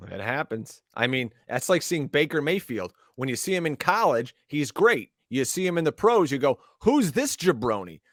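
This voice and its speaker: A man co-hosting a podcast who tells animated, emphatic stories in casual chat. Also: fairly high pitch, normal speed, hardly any pauses, no echo, studio quality. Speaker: podcast co-host.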